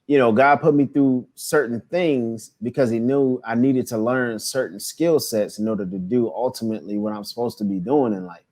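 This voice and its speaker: A man's voice: medium pitch, normal speed, hardly any pauses, a little mellow. Chatty man in his thirties, podcast host. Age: 30s. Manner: loose and conversational, many fillers and restarts. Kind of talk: casual podcast chat.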